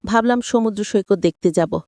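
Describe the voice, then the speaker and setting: A woman's voice: mid-range voice, normal speed, dark tone, no echo, lightly acted. Woman reading a cold young husband. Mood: reserved. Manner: stiff, reserved.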